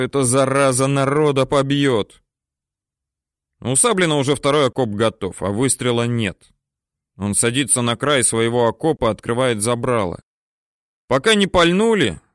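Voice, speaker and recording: A man narrating a war story audiobook in a steady, measured, terse manner. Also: mid-range voice, no echo, studio quality.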